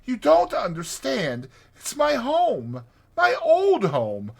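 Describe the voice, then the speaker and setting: Guy doing a small homesick mole for an audiobook, high voice, begging and stammery, swoopy. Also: huge pitch swings, takes it slowly, gravelly, exaggerated voice. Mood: anguished pleading. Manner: pleading, stammering urgency. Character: Mole, timid homesick animal, anguished and pleading.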